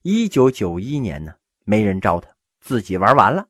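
A man telling history humorously, animated and acting out the characters. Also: lowish voice, normal speed, no echo, clean studio sound. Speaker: storyteller.

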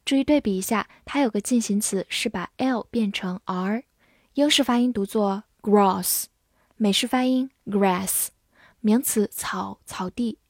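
Spelling each English word letter by letter, a woman works slowly through example sentences in a scripted lesson. Her voice is a little high, and the clean studio recording has no echo.

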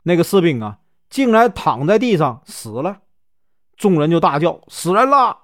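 A male storyteller with a Northeastern Mandarin accent tells a classic tale in a chatty, folksy style, full of drawn-out filler particles. His voice is fairly high and very animated, captured in a dry, clean studio recording.

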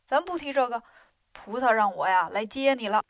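A woman doing a low, sly bear spirit. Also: animated, normal speed, no room sound, studio quality. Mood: placating.

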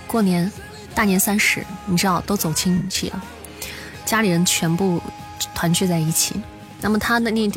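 A woman livestream host chats her way through a creepy tale to her viewers. Her talk is loose and full of restarts, and she often asks them if they follow. Faint music plays under her voice. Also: fairly low pitch. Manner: chatty, often checks in with listeners and restarts her sentences. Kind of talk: casual storytelling to a live audience.

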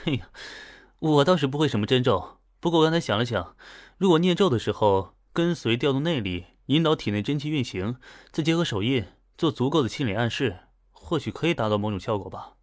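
A man's voice: mid-range voice, lively intonation, a little fast, no room sound, studio quality, natural voice. A man voicing an easygoing male martial master who speaks in a casual, offhand way.

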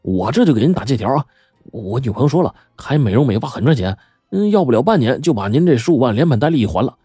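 A man voicing a frightened, sly teenage nephew who stammers and pleads in a raised, husky voice. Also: mid-range voice, sing-song, fast talker, dark tone, dry recording, clean studio sound, voice pushed up. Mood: nervous.

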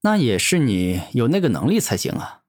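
A man voicing a cocky young male martial hero who taunts his enemy with self-assured calm in a fantasy audio story. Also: medium pitch, normal speed. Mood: mocking.

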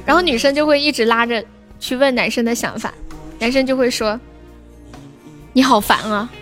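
A woman's voice: a little high, fairly quick, a bit bright, soft background music. A young woman hosting a livestream, chatting casually and playfully teasing her viewers with advice. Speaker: livestream singer and host.

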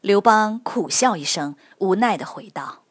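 A woman narrating history stories for children in a lively, expressive storytelling manner. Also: medium pitch, measured pace.

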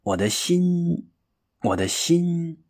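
An earnest, dreamy young seeker, as a man puts him on, calm and musing in a husky voice that rises and falls widely. He talks it over slowly in a storybook telling. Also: medium pitch.

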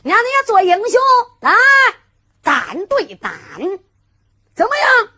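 A woman's voice: high-pitched, sing-song, a little fast, fairly bright tone, husky, full character voice. A woman voicing a boastful, defiant male martial hero in a storytelling performance. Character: bold swaggering male hero, a martial outlaw.

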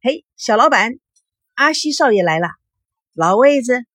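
女声演的客气的餐厅经理. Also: female voice, a little high, expressive, a little slow, a bit bright, no room sound, studio quality, pitched above the performer's own voice. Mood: courteous. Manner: courteous, welcoming. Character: polite male restaurant manager.

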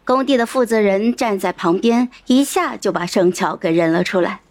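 A woman's voice: medium pitch, moderate pace, a little mellow. A woman narrating a novel as an audiobook, telling the story expressively.

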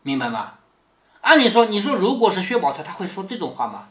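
A man with a high voice speaks fast as he reads a classic novel to his daughter and explains it as a storytelling lesson. He's lively, acting out quoted lines and often checking in with rhetorical questions. The recording has a roomy echo.

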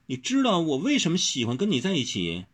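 A man voicing a playful, teasing young woman in a storybook, with his voice raised high. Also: huge pitch swings, moderate pace. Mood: tender. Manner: teasing, raised falsetto-like pitch. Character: playful teasing young heroine, quick-witted.

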